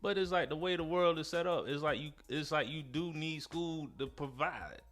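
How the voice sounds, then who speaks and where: A young man co-hosting a casual podcast, animated and slangy, often cutting in on others. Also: fairly high pitch, normal speed, faint music behind. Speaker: podcast co-host.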